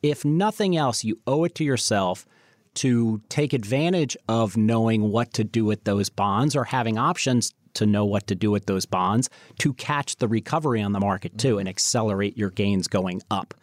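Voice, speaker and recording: A financial radio show host speaks off the cuff in an unscripted advisory sales pitch, addressing listeners directly and emphatically. His voice is lowish at a moderate pace, recorded at studio quality with no echo.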